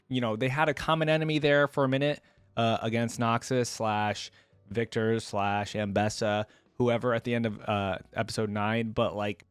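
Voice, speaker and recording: A man making a reaction video gives his viewers casual, rambling commentary, clearly enthusiastic about the game. His voice sits on the low side and sounds smooth, with no echo.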